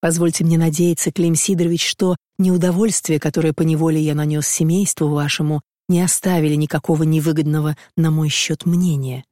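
A woman voicing a polite, formal young gentleman who comes to ask for a bride's hand. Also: sits low, level tone, fairly quick, few pauses, dry recording, studio quality, natural voice. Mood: courteous. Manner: formal, courteous. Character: polite young gentleman suitor, growing impatient.

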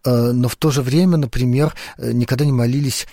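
A man's voice: medium pitch, steady tone, brisk, warm tone, no echo, clean studio sound. A man in his forties, a guest lecturer on a radio talk show, speaking thoughtfully with frequent fillers. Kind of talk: radio interview. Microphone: studio microphone.

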